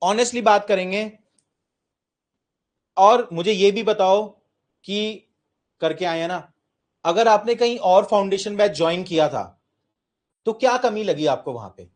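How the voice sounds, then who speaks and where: A man's voice: high voice, unhurried, long pauses. A man with an Indian accent giving an orientation talk to exam students in a classroom, mixing Hindi and English and asking the class questions. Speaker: UPSC coaching teacher.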